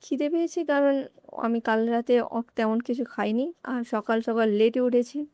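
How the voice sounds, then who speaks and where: A woman's voice: fairly high pitch, fairly even intonation, normal speed, warm tone, clear, resonant tone, dry recording. A woman, chatting casually to viewers in a vlog as she walks around her coaching centre holding a phone. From North Bengal, India. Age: late teens. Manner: chatty, talks straight to viewers, grumbles and jokes. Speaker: student vlogger.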